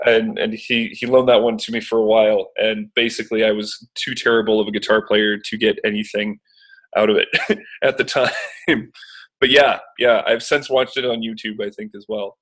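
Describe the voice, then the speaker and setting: A man's voice: fairly low pitch, a bit bright. A man co-hosting a casual guitar podcast, telling stories in an easygoing way and laughing often. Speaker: podcast co-host. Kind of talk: casual chat.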